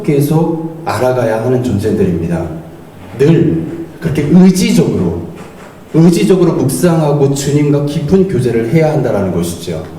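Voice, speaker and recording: A middle-aged man preaches with a lively, swinging delivery, acting out little quoted lines. His voice is mellow and warm. It was recorded at a distance in a very echoey church hall with faint noise behind. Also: medium pitch. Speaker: associate pastor. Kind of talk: sermon.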